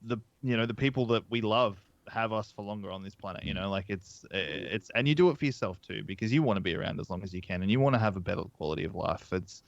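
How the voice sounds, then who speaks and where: A man in a casual video chat, blunt and quick, swearing freely. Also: on the low side, vocal fry, no echo, muffled recording. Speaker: guest.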